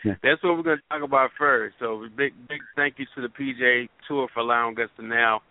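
A man's voice: mid-range voice, a little fast, no room sound. A man hosting a casual sports talk show, upbeat and full of plugs and fillers. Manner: upbeat, promotional, lots of fillers. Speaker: sports radio host. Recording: dry, phone-like audio.

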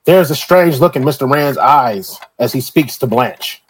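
An actor playing a sinister, ominous horror storyteller with a grim reaper manner in an old radio show. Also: male voice, medium pitch, normal speed, lightly acted, low-quality recording. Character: Doctor Weird, sinister male horror storyteller.

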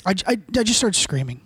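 A man's voice: sits high, a bit bright, slightly rough, no room sound. Profane rambling storyteller, a young man. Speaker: podcast co-host. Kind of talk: casual storytelling.

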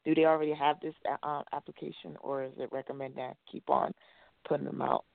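Gravelly-voiced radio show caller on a phone line. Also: medium pitch, level tone, no echo. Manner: hesitant, halting questions with ums. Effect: caller heard over a phone line. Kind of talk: call-in question to a psychic show. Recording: tinny dry phone line.

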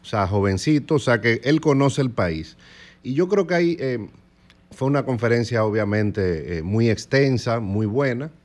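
A man with a Dominican Spanish accent, giving measured economic commentary on a morning radio panel, often pausing on fillers. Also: medium pitch, expressive, darkish tone. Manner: measured, hesitant with frequent fillers.

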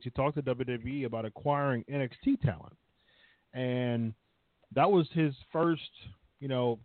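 A man's voice: medium pitch, dry recording. A man calling in over the phone, chatting casually and rambling with lots of filler words. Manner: rambling, heavy on "uh" and "you know". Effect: over the phone, line cutting in and out. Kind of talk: casual wrestling chat. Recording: thin phone line, dry.

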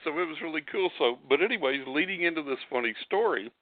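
A man's voice: on the high side, lively intonation, quick pace, background noise. A man with a West Texas twang and a distinctive drawl, chatting and telling stories in a folksy way as a psychic guest. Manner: folksy, chuckles while telling anecdotes. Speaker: psychic giving readings as guest on a call-in show. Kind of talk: casual talk and storytelling. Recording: narrow, phone-like line.

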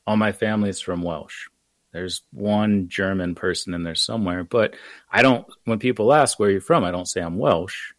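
An American man with a fairly low voice, explaining his ideas at length in a loose, rambling way with plenty of fillers. He sounds close to the mic in a dry, dead room. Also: moderate pace, dry recording. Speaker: author and guest. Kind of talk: casual podcast conversation.

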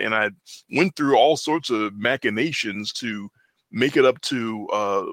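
A man's voice: mid-range voice, a bit bright, no room sound. A man co-hosting a sports podcast, telling rambling self-deprecating stories in a casual chat. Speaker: podcast co-host.

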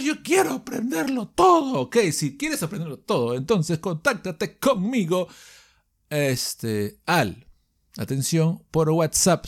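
A man's voice: on the high side, darkish tone. A man from Peru with a Peruvian Spanish accent, teaching English phrases in a podcast lesson and often checking in with his listeners.

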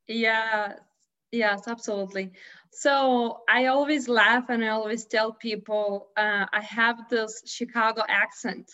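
Over dull, lo-fi video call audio, a Lithuanian woman with a Lithuanian accent appears as a guest in a remote interview; she works as a holistic health consultant. Her slightly high, bright voice is forceful, unhurried and fairly even in intonation, and she talks upbeat and earnest, often restarting sentences.

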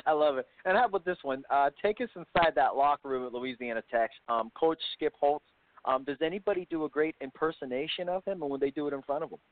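Fast-talking upbeat male sports host. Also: fairly high pitch, no echo. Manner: fast, upbeat, many fillers. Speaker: podcast host. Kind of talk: sports interview. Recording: tinny phone-line audio.

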